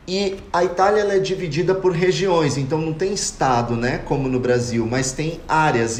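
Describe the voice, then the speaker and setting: In an echoey room with a faint background noise, a young Brazilian man who lives abroad reflects earnestly during a relaxed podcast conversation. His voice sits a little high with a darkish tone, and he addresses listeners as "cara."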